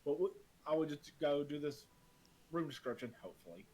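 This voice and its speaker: A man running a tabletop game as game master over an online call, relaxed and quick to laugh. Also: fairly high pitch, husky. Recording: noisy background hiss.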